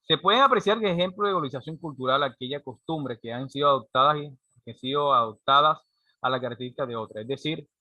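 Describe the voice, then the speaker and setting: A man's voice: medium pitch, fast talker, sharp tone, dry recording, highs cut off. A man, giving a classroom lecture and often checking in with a rhetorical "right?". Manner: explanatory, frequent rhetorical "¿cierto?" checks. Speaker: teacher.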